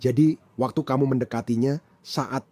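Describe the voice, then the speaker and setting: A man's voice: mid-range voice, moderate pace, close to an everyday voice. A man dubbing an agitated brawl witness. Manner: agitated, animated retelling with slang. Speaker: man involved in a fight, telling police. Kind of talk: dubbed bodycam account.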